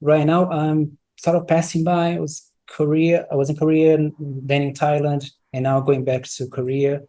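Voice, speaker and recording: He's a guest on a casual interview, a software entrepreneur from Brazil who grew up speaking Brazilian Portuguese. His voice is soft, warm and fairly high with a level tone, and he speaks haltingly and thoughtfully, thinking out loud, groping for words and restarting often.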